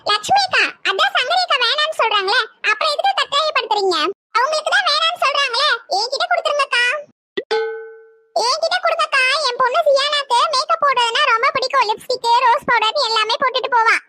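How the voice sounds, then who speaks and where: A woman's voice: very high voice, fast, sharp tone, no echo. A woman voicing a greedy, sly middle-aged village auntie in a cartoon who wheedles for snacks and gifts. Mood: grasping. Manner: wheedling, grasping.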